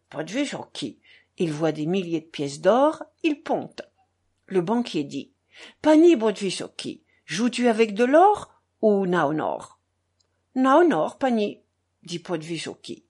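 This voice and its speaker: A woman putting on a haughty foreign gentleman gambler. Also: medium pitch, husky, heavily acted.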